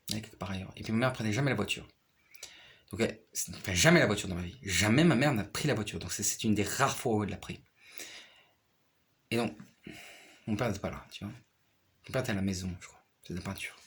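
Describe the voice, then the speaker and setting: A man's voice: lowish voice, creaky, fairly bright tone, slight background noise. A man talking casually and at length in a rambling way, repeating phrases and often checking that his listener follows. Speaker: piano player and teacher. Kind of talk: casual personal conversation.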